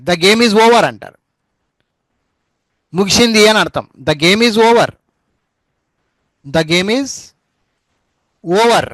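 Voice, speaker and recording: A man teaching an English spelling lesson, spelling words out letter by letter and repeating them slowly. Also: high-pitched, bright, forceful tone, no echo, rough recording. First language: Telugu.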